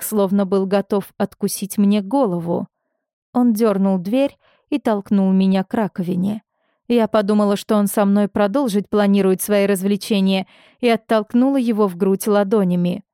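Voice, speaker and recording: A woman reading a first-person audiobook, expressive and acting out the dialogue. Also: medium pitch, clear, resonant tone, no room sound, studio quality. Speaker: audiobook narrator.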